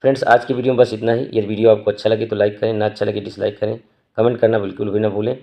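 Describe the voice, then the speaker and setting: A man teaching an exam prep lesson, reading each question slowly and then explaining it quickly. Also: lowish voice, little pitch movement, creaky, mellow. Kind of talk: quiz walkthrough lesson.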